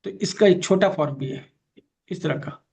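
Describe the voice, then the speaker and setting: Over dull, lo-fi video call audio, a man teaches an online magnet therapy class, patiently repeating key terms and guiding a student. His voice sits high, creaky and slightly rough, with a darkish tone and normal speed.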